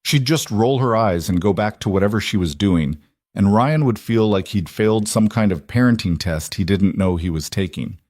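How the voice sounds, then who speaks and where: A male narrator with a low voice reads a scripted story evenly and steadily. The recording is dry and close, with no room sound. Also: animated, moderate pace, darkish tone, no room sound.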